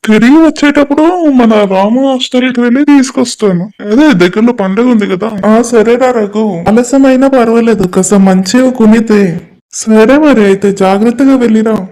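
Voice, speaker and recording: A man's voice: extremely high pitch, brisk, warm tone, poor audio. A man with a Telugu accent voicing the men in a cartoon moral story, stern and scolding. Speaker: storyteller voicing the male characters.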